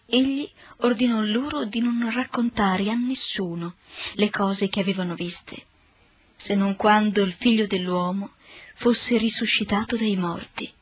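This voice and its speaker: A woman narrating a scripted Bible reading in a steady, measured way. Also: mid-range voice, husky, no room sound.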